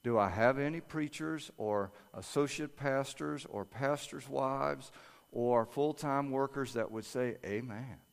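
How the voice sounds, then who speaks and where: An older man preaching a sermon and praying aloud, earnest, moving from quiet prayer to lively storytelling. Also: mid-range voice, unhurried, gravelly. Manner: earnest, prays aloud softly then preaches with rising energy. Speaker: pastor. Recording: long reverb of a large hall.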